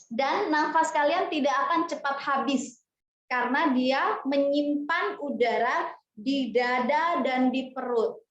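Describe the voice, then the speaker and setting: Casting note: a high-pitched female teacher who explains things slowly and chattily, recorded in an echoey room. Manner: chatty, explanatory, addresses students directly. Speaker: music teacher. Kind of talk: casual classroom explanation. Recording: echoey room, dull lo-fi sound.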